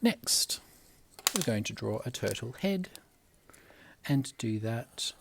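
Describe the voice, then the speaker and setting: A young man, a primary school teacher, gently talking children through a drawing step by step. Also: medium pitch, sing-song, creaky, background noise. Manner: gentle, unhurried, talks while drawing. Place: classroom at school.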